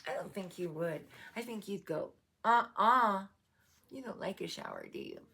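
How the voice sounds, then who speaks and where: A woman's voice: fairly low pitch, vocal fry, slightly rough. A woman reading a children's picture book aloud, with chatty asides to her dog. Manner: slow, animated, chatty asides. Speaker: storybook reader.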